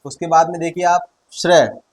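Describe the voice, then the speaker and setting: Higher-pitched male Hindi teacher. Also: steady tone, normal speed, poor audio. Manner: explains patiently, repeats sounds aloud, keeps checking in with "theek hai". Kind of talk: Hindi grammar lesson.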